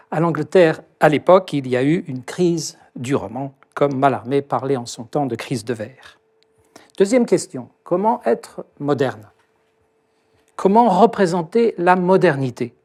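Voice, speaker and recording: A middle-aged man, a literature professor, giving a lively lecture with ironic asides and frequent hesitations. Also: a little high, gravelly.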